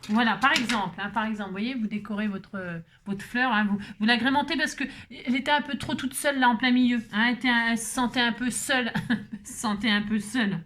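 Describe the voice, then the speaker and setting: A woman's voice: on the high side, steady tone, quick pace, a bit bright. A woman hosting a craft tutorial, chatting playfully to herself and her viewers and breaking into song.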